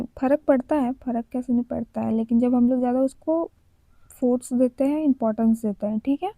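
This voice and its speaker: A young woman teacher reads English exam questions aloud slowly and explains the answers in Hindi, asking rhetorical questions as she goes. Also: sits high, warm tone, dry recording, rough recording. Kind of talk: exam-prep lesson mixing Hindi and English.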